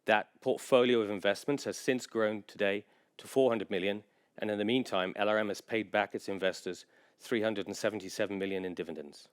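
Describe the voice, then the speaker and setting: A man giving a measured, informative conference presentation as a general manager, pausing often on fillers. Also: lowish voice, steady tone, smooth. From England.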